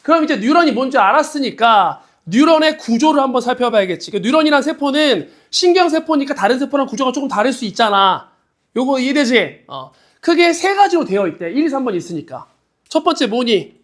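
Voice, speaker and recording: A male high school biology teacher giving a casual classroom lecture, teasing his students and firing quick questions at them. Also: expressive, fairly bright tone.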